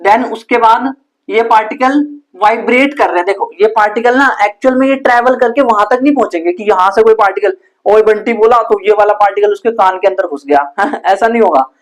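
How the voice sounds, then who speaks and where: A man's voice: high-pitched, fairly quick. A man teaching science in a casual, playful way, acting out sound effects and small scenes. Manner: playful, uses sound effects and mini role-plays. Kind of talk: casual classroom explanation.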